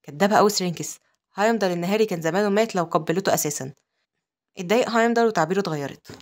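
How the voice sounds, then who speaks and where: A woman with an Egyptian accent narrating a comic-story recap, with quick asides. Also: medium pitch. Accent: Egyptian Arabic. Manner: rapid, breathless storytelling with asides.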